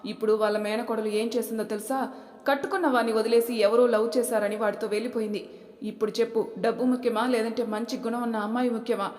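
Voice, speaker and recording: A woman's voice: a little high, fairly even intonation, fast talker, a little mellow, natural voice. A woman voicing a stern older father who lectures his family with rhetorical questions, in an echoey room. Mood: advising. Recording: echoey room, long reverb.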